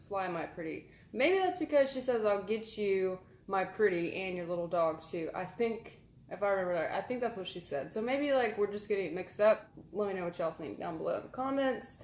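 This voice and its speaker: A woman talks to camera in a loose, rambling way. She leans on fillers and sounds amused. Her voice sits at a middling pitch, and the recording has a roomy echo. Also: animated, brisk, darkish tone, a little hiss or hum. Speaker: vlogger. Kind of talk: casual chatty vlog.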